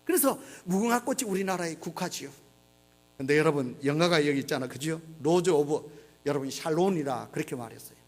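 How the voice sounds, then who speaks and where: A middle-aged man preaching a sermon in church, moving between quiet reflection and loud, emotional storytelling. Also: a little high, lively intonation, a little fast. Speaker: pastor. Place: church sanctuary.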